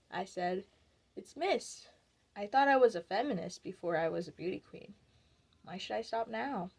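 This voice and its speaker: A woman's voice: mid-range voice, a little mellow. A woman playing a wry, outspoken ex-beauty queen. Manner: wry storytelling with acted quotes. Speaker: actor performing a monologue. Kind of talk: theatrical monologue.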